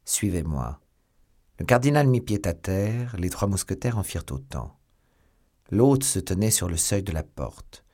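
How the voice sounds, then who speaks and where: A man narrating a classic novel as an audiobook, with expressive storytelling that swells at dramatic moments. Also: on the low side, normal speed.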